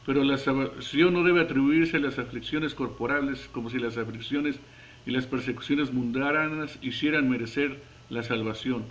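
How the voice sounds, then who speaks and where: A man's voice: medium pitch, a bit bright, muffled recording, slight background noise. Earnest man reading a Bible commentary. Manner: earnest, measured reading with occasional stumbles. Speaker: devotional preacher. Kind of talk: read-aloud Bible commentary and prayer.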